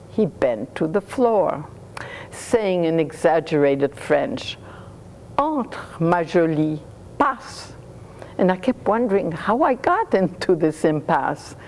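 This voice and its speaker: A woman's voice: on the low side, low-quality recording. Woman reading playful rhyming stories. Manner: lively, playful reading with chuckles. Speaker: storyteller reading her own stories. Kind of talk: storytelling in rhyming verse.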